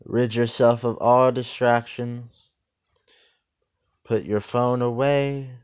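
A man speaks in a slow, hushed, soothing way, keeping a flat deadpan calm throughout. His voice sits a little low and sounds smooth and resonant. The recording is slightly dull and lo-fi. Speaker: host of a parody meditation video. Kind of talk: deadpan parody of a guided meditation.

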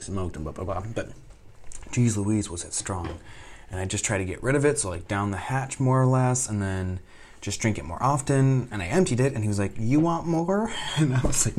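A man chatting casually to the audience, telling an animated story and laughing often. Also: fairly low pitch. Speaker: vlogger recounting a trip.

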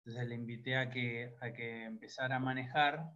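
A man, a coaching student, informally recounting something in an online class, halting as he searches for words. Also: medium pitch, steady tone, pushed and bright. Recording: dull, lo-fi online call audio.

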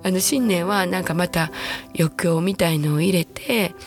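A woman in her sixties with a Kansai accent hosts a casual podcast, her voice husky and hoarse from a throat cold. It sits low and gravelly, and she talks in a chatty, self-deprecating way. Faint music plays behind her. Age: 60s. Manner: chatty, self-deprecating, slows to a soft hush at times. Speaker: podcast host. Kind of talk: casual solo podcast talk.

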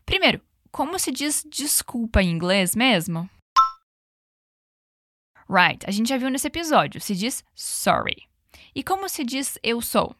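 Higher-pitched woman, slow drilled English. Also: big pitch swings, fairly bright tone, dry recording, studio quality. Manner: slow, drawn-out English model phrases; encouraging, repeats drills. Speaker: English teacher. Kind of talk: language lesson.

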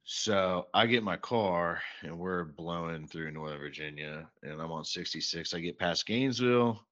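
A man's voice: low voice, moderate pace, a bit bright. A man, co-hosting a casual podcast and telling a profane, exasperated story. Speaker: podcast co-host. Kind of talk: casual chat. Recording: dull lo-fi podcast mic.

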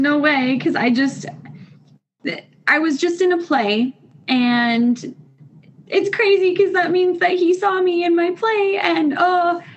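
A woman guest receiving a reading, earnest and excitable, tripping over her words at times. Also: high-pitched. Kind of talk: emotional conversation.

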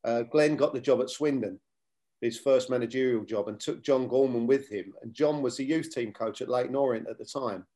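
An older man speaks at a middle pitch as an interview guest. He talks in a measured, unhurried way, reliving his playing and coaching years and quoting old conversations as he goes. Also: dark tone. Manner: measured, many fillers and restarts, retells dialogue. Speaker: former footballer and coach, guest. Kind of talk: reflective interview storytelling.

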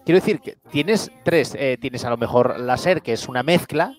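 A man with a Spain Spanish accent, hosting a podcast with quick, joking banter. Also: medium pitch, faint music behind. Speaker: podcast host. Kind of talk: casual chat.

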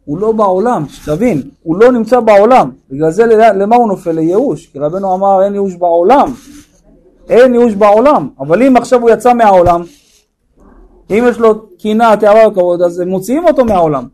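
High-voiced rabbi preaching with animated questions. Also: male voice. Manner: animated storytelling with rhetorical questions. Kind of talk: sermon.

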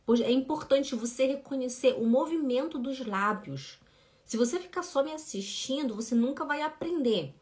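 Brief: woman, German tutor on a live stream, chatty and encouraging, a fairly high voice. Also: lively intonation, darkish tone. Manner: chatty, greets viewers by name, drills pronunciation slowly. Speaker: German teacher. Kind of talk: casual live-stream lesson. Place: home room with lights.

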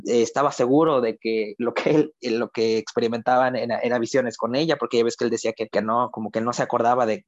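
Halting man talking books, lo-fi sound. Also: medium pitch, dry recording. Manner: halting, many restarts and repeated words. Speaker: book club discussant. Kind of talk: casual book discussion. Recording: dull lo-fi sound.

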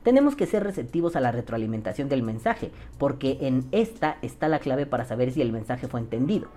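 A Mexican-accented woman with a low, warm voice hosts a podcast and reads out listener comments. She swears freely and jokes around in heavy slang, and her pitch swings lively up and down. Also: a little fast. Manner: profane, slangy, joking. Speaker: podcast host.

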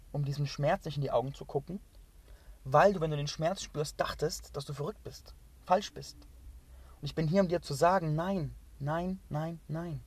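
A man delivering an impassioned motivational monologue as a spiritual coach. He talks intensely and emphatically, repeats phrases, swears, and sometimes drops to a hushed half-whisper. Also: a little high, slightly rough.

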